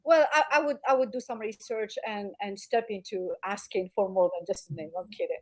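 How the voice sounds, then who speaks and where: A woman's voice: medium pitch, brisk, darkish tone. A woman hosting a podcast interview, talking in an effusive, chatty way with frequent fillers. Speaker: podcast host. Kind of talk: casual interview chat.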